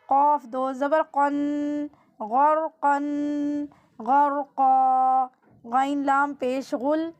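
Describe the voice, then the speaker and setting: A woman teaching Quran reading, spelling out syllables slowly and dragging them out, then giving quick explanations in a Pakistani Urdu accent. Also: sits high. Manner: slow drawn-out syllables, brisk asides.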